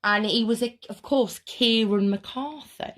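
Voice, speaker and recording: A woman's voice: on the high side, unhurried, a bit bright. A woman co-hosting a podcast in casual chat, with dry asides. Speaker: podcast co-host.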